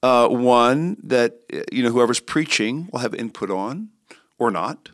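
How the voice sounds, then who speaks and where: A man speaks in an easygoing podcast conversation about planning church services. His voice sits at a middle pitch, and he thinks aloud, often restarting his sentences and filling pauses as he goes. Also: expressive. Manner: thoughtful, rambling with restarts and fillers. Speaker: worship pastor.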